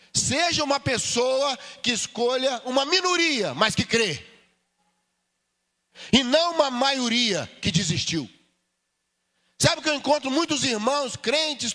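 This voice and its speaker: A high-pitched man with a Brazilian accent preaches a lively, humorous sermon, slipping into little voiced dialogues. His voice rings with long reverb in a church sanctuary. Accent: Brazilian Portuguese. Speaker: pastor.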